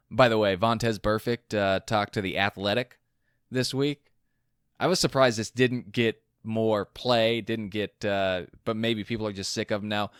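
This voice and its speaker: A man hosting a solo sports podcast, talking fast in animated rants, his mouth going dry. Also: medium pitch, dry recording. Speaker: podcast host.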